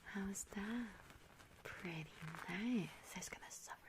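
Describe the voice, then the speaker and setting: A woman's voice: mid-range voice, slow pace, noisy background, close to an everyday voice. A young woman playing a gleeful young witch who casts hexes, in a whispered role-play, with a playfully sinister, giggly, chatty manner. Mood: curious. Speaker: ASMR creator.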